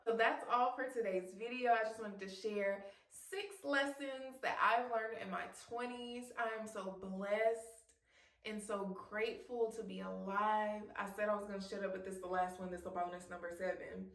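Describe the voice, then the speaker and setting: A woman's voice: mid-range voice, fairly even intonation, moderate pace. A woman of about thirty speaks to her viewers in a heartfelt, chatty way, encouraging and open about her feelings. Her voice sits in a middle register. She sounds a little distant from the mic, in a room with a noticeable echo. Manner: warm and emotional, laughs at herself. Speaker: vlogger. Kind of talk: heartfelt casual talk to camera.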